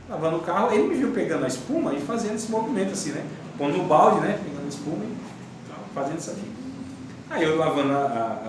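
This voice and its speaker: A man's voice: sits high, slight background noise. A man teaching a conversational theology class in a classroom, telling stories and joking with his students. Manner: storytelling, chatty, laughs with class. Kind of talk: conversational church class lesson. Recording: echoey classroom from far off.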